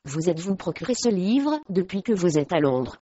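A woman's voice: on the low side, very animated, normal speed, warm tone, dull audio, a little hiss or hum. Stern, harsh medieval lord, read by a woman. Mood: angry. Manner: harsh questioning. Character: stern angry medieval English lord, husband.

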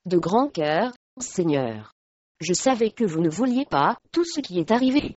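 A frail young noblewoman facing death , voiced by a woman storyteller speaks softly and serenely, a little lower than a plain speaking voice. The recording is dry and dull, with little treble. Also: big pitch swings, a little slow, dry recording. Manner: soft, serene. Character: young frail noblewoman, calm condemned martyr.

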